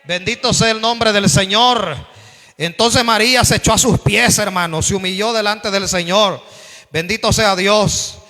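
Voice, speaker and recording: A man preaches with fervor in a very high, bright, forceful voice, pressing his point and addressing his listeners as brothers. At times he raises his voice almost to a shout. The sound carries a long, echoing reverb from a hall. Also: steady tone, measured pace. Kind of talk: sermon.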